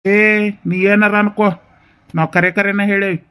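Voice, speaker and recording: A middle-aged village father, voiced by a man in a cartoon, stern but tender as he coaxes and reassures. His voice sits fairly high and he speaks with a North Karnataka Kannada accent. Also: fairly even intonation, moderate pace. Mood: soothing. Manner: coaxing and reassuring. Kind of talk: cartoon voice acting.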